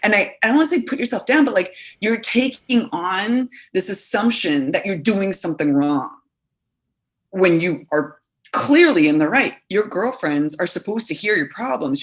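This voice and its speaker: A woman's voice: fairly low pitch, animated, normal speed. A woman hosting a podcast, chatting casually and emphatically, acting out little everyday scenes. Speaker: podcast host. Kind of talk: casual chat.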